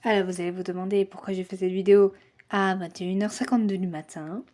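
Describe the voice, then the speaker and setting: A woman's voice: medium pitch, fairly even intonation, fast, dark tone. A woman talking casually in a chatty, ranting vlog. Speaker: vlogger.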